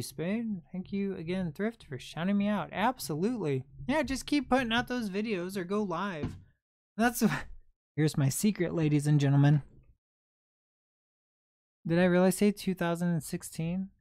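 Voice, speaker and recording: A man in his late twenties hosts a relaxed livestream, talking easily and answering viewer comments one after another. His voice is smooth and clear. The sound is dry and close, with no room echo. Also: high voice. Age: 20s. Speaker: livestream host and reseller. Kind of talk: casual livestream chat.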